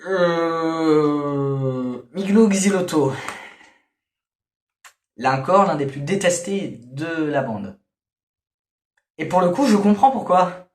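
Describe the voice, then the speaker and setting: A man's voice: high-pitched, lively intonation, measured pace. A man casually reviewing albums, hesitant and grumbly, full of fillers. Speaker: music reviewer. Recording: echoey room.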